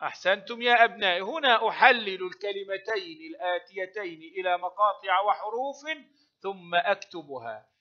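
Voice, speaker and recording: A male primary school teacher giving a recorded lesson for young children, slowly stretching out and repeating words and praising his pupils. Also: high-pitched, highs cut off. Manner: slow, drawn-out repetition of words for pupils, frequent praise.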